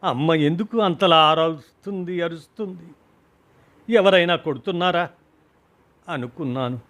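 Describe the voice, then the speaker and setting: A man's voice: fairly high pitch, a little slow, fairly bright tone. A man reading as a grieving husband. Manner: emotional, rising to cries at peaks. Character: grieving husband recalling his mother's death. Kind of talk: storybook reading.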